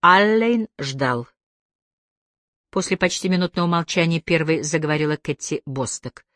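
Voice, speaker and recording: Low-voiced woman reading a detective audiobook, steady, dry close mic. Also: moderate pace, dry recording. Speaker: narrator. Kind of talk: audiobook narration of a detective novel.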